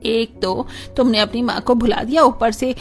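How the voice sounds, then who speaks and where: A woman voicing a stern middle-aged neighbour in an animated story, scolding and brusque. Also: fairly high pitch, moderate pace, natural voice.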